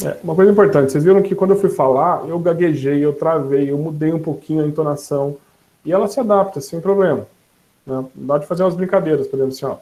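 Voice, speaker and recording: A man with a Brazilian Portuguese accent giving a casual online lesson, talking in a relaxed, chatty way with laughs and self-corrections. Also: on the high side, fast, poor audio. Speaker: instructor demonstrating a voice assistant.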